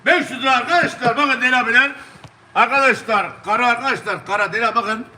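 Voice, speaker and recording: A man's voice: extremely high pitch, quick pace, pushed and bright. A man with a southeastern Turkish accent working as an auctioneer, calling bids to online viewers in repetitive patter and addressing bidders over and over.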